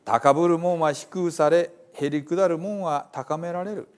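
A man with a Hiroshima dialect voicing Jesus as a calm male teacher telling parables. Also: a little high, moderate pace, voice pushed up, natural voice. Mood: teaching.

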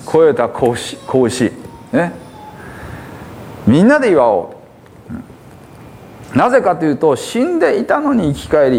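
Guy preaching w a hiroshima accent, acts out the story lines, lively pitch. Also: gravelly, a little hiss or hum. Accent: Hiroshima dialect. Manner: animated storytelling, acting out characters' lines. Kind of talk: sermon retelling a parable.

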